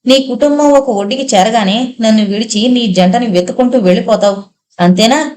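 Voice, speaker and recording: A woman's voice: fairly high pitch, normal speed, a little mellow, a little hiss or hum, natural voice. A woman voicing a distraught young woman who raves in bitter outbursts, in an audiobook story.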